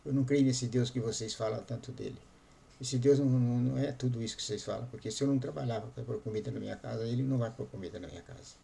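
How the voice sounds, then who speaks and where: A man's voice: medium pitch, rapid-fire, gravelly, mellow, slight background noise. A man voicing a stunned unbelieving father. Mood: incredulous. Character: grateful father, former unbeliever, now eager.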